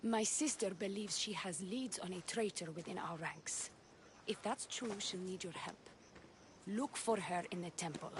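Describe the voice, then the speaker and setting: Woman playing a sly, poised priestess, measured and theatrical. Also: on the low side, a little hiss or hum, lightly acted. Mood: persuasive. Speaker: game character. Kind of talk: video game voice acting.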